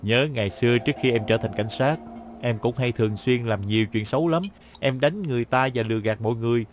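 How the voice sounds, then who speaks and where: A man's voice: mid-range voice, fast talker, lightly acted. A male voice actor dubbing a cocky young male detective who talks in a playful, chatty way, over background music. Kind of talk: dubbed drama.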